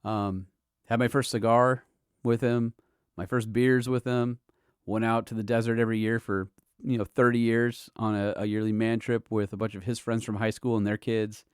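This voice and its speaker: A middle-aged man and podcast host, from Southern California, sharing fond, halting memories in a personal tribute, with soft laughs between thoughts. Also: on the low side, flat delivery, clear, resonant tone, dry recording, clean studio sound. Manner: halting, tender, fond laughs while reminiscing. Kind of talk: personal tribute, emotional storytelling.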